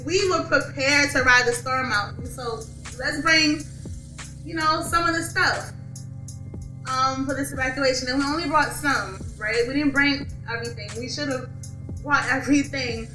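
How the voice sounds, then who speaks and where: A woman telling a story in casual chat, animated, laughing often, with lots of "like". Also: sits high, moderate pace. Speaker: podcast co-host. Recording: roomy echo, faint music behind.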